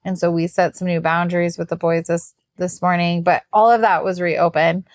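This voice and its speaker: A woman's voice: fairly low pitch, fairly even intonation, moderate pace, no room sound. A middle-aged woman co-hosting a podcast in casual, rambling chat, tired and yawning, laughing often. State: sleepy. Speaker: podcast co-host.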